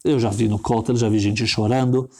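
A man's voice: fairly low pitch, fairly even intonation, moderate pace, warm tone, a little hiss or hum, voice pushed down, natural voice. A man doing a caring, persistent rabbi. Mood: concerned. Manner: earnest, coaxing. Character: earnest older male rabbi-activist, caring and persistent.

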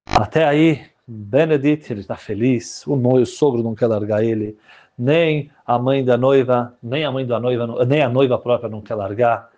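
A man's voice: medium pitch, moderate pace, lo-fi sound. A man telling a story to a group, repeating phrases and acting out the dialogue. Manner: animated, repetitive, acts out dialogue.

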